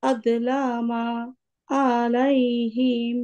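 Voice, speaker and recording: A woman student reading aloud in class, sounding words out haltingly syllable by syllable. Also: on the high side, little pitch movement, dark tone, highs cut off.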